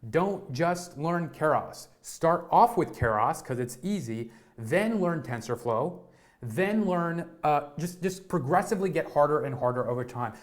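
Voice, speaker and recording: Young man in his twenties, slightly high voice, energetic live-stream tech lesson, keeps checking in with listeners. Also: measured pace. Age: 20s. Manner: energetic, repeats words and asks "right?" and "okay?".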